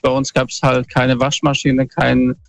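A man's voice: mid-range voice, monotone, a little slow, gravelly, no room sound. A man calling in over a phone line, telling his story in a casual, hesitant way with many fillers and restarts. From northern Bavaria. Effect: phoned in over a dull, lo-fi phone line. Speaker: caller.

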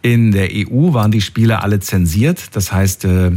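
A man in his late thirties hosting a call-in show, chatting casually and asking quick follow-up questions. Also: fairly low pitch, mellow. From Thuringia. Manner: chatty, reminiscing, asks quick follow-ups.

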